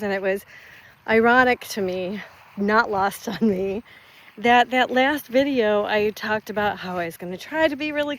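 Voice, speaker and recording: A retired teacher in her fifties, with a slightly high voice, rambles casually through a catch-up vlog as she walks outdoors around her rural property.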